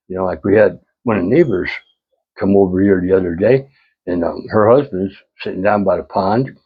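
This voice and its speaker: A man's voice: fairly low pitch, breathy edge, highs cut off. An older retired man vlogging in a casual, rambling way, telling folksy stories with chuckles and repeated phrases.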